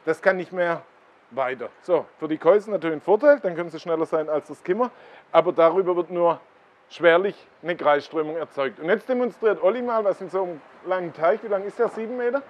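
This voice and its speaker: A man's voice: sits high, fairly quick, muffled recording. A man hosts a koi blog, explaining things casually at a pond and pointing them out to the viewer.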